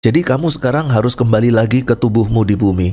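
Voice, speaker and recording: A man's voice: mid-range voice, quick pace, warm tone, lightly acted. A man voicing God, who casually and firmly tells a soul it is not yet its time. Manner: casual, matter-of-fact. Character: God, casual and kindly firm.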